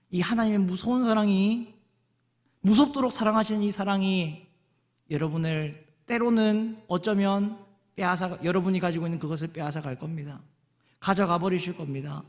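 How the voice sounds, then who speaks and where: A male pastor, preaching a lively sermon and coaxing the congregation to call out and repeat after him. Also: high-pitched. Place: large church sanctuary. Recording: long hall reverb.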